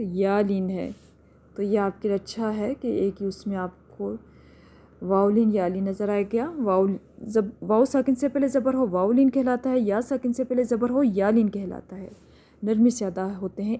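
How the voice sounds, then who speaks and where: A woman's voice: medium pitch, warm tone. A woman teaching a tajweed lesson, patiently explaining each step and drawing out words as she recites.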